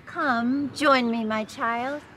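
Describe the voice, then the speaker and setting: A woman's voice: a little high, slow. An actress playing a free-spirited, shameless middle-aged mother, breezy and overfamiliar in a TV comedy-drama. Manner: breezy, theatrical, unembarrassed.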